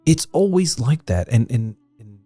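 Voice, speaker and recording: A man's voice: medium pitch, sing-song, measured pace, mellow, no echo. A man co-hosting a casual history podcast, talking in a rambling way with many fillers and restarts. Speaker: podcast co-host.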